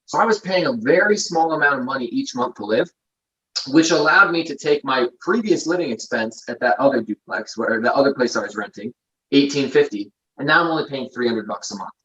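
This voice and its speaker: On dull lo-fi audio, a man in his thirties, a guest investor, confidently explains things in a casual interview, citing plenty of numbers. He has a medium-pitched, expressive, somewhat bright voice and talks fairly fast.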